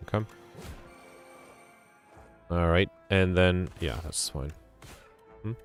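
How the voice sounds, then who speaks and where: A man with a very deep voice talks through his moves in a casual gameplay chat, hesitating and filling pauses with ums. Faint game music plays behind him. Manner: thinks aloud, hesitant, many ums. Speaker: streamer playing co-op.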